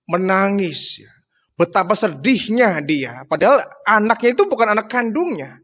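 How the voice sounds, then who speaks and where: A male Islamic preacher telling a religious history story in an expressive, dramatic way. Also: sits high, normal speed. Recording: long hall reverb.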